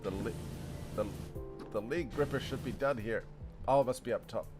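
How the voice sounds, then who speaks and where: With game music running under his voice, a streamer gives casual gameplay commentary, rambling chattily to his viewers and laughing frequently. He speaks in a mid-range voice at a moderate pace.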